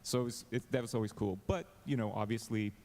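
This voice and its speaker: A man's voice: fairly low pitch, steady tone, fairly quick, a little mellow. A game developer man talking casually and enthusiastically on a convention panel, with many fillers.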